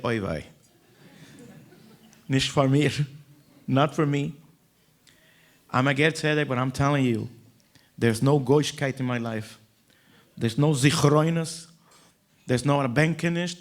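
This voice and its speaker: A man speaks publicly as a rabbi in a slightly high voice. He delivers an inspirational religious talk built on stories, stressing his points and dramatizing the dialogue. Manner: emphatic, dramatic storyteller who acts out dialogue. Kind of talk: inspirational religious storytelling speech.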